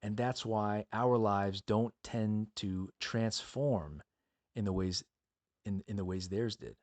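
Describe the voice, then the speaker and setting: A man with a fairly low, slightly mellow voice speaks slowly. He's a podcast host teaching the Bible, delivering an earnest, emphatic monologue built on rhetorical questions and appeals to the listener.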